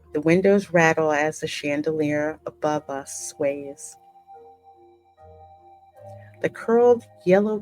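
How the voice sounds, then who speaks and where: A gaming channel host with a slightly low voice plays through a game, reading the story lines theatrically and slipping into casual reactions. Soft music plays underneath, and the recording quality is low.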